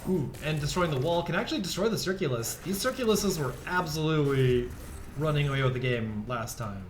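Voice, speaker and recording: A man casting a digital card game tournament, calmly explaining plays and rules as they happen. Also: fairly high pitch, a little fast. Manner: explanatory, relaxed, gives rules tips. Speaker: esports caster. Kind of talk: play-by-play commentary.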